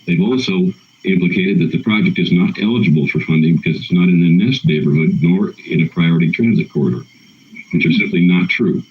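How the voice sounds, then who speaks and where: A man with a very low voice reads a prepared public comment. He is earnest, formal and emphatic, and stumbles now and then. The sound is slightly dull, like a remote meeting connection. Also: brisk. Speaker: arts council executive director, public commenter. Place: remote call into a council meeting.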